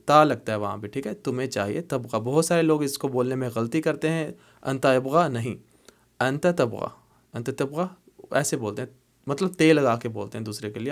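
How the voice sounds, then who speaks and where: A man's voice: mid-range voice, animated. Patient male teacher repeating phrases. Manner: patient, repeats each phrase several times. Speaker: language teacher. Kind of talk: explaining Arabic phrases in Urdu.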